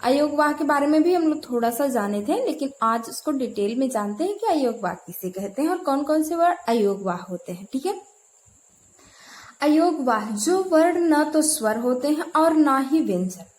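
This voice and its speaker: High-voiced woman teaching in an echoey room. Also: darkish tone. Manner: asks and answers her own questions, repeats key terms. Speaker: Hindi teacher. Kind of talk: online grammar lesson.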